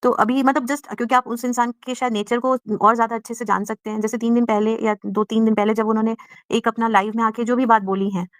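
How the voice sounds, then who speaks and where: A woman's voice: a little high, flat delivery, fast talker, dry recording. A woman panelist on a live stream putting a question politely and a little hesitantly.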